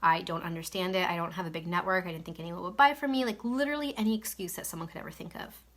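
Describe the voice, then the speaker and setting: A woman's voice: fairly low pitch, racing. Chatty reassuring young woman coach, casual talk to camera, fillers everywhere. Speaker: network marketing coach. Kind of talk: casual talking-to-camera advice.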